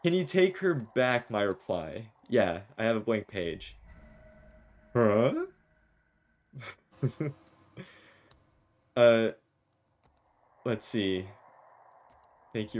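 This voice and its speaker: Slow low-voiced male game streamer. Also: animated, darkish tone. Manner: jokey, rambling, reads lines with small voices. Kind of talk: let's play commentary, reading game dialogue aloud.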